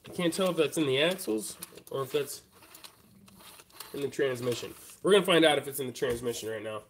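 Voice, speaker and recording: Congested and stuffy from a head cold, a man chats casually with live-stream viewers while working at his hobby workbench. His medium-pitched voice is fairly quick, with a little hiss or hum in the audio, and his manner is laid-back and chatty as he talks straight to his audience.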